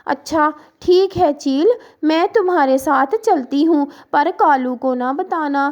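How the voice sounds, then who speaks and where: A woman voicing a vain, chatty female crow in a cartoon story, gossiping excitedly and complaining about her mate. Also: high-pitched, slow pace, voice pushed up.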